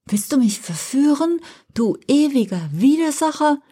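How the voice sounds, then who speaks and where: A woman voicing a young blinded female angel, pleading and tearful in a higher, rising whisper, in a whispered role-play. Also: very animated, unhurried, warm tone. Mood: anguished pleading.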